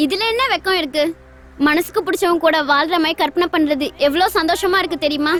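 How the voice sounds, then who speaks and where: A woman's voice: very high-pitched, fairly quick, a bit bright, faint music behind. An actress playing a tearful, dreamy young woman with a crush, in a film drama.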